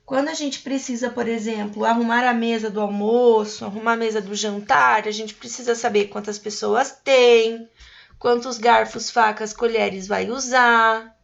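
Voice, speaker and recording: Slow, patient Brazilian woman teacher. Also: fairly high pitch, gravelly, fairly bright tone, muffled recording. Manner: slow, patient, explaining to children. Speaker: primary school teacher. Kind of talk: reading a storybook aloud to young pupils and explaining.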